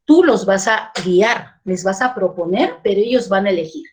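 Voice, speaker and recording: A woman with a Peruvian Spanish accent leading an online training session for teachers, lively and full of rhetorical questions. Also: mid-range voice, moderate pace. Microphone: computer mic on a video call.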